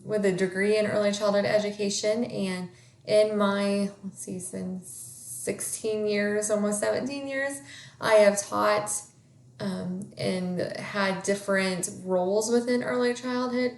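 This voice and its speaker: Woman, 30s, stuffy nose from a cold, halting and filler-heavy self-introduction, slightly roomy recording. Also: medium pitch, darkish tone. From Kansas, USA. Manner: hesitant, many fillers. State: congested with a cold. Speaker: student introducing herself.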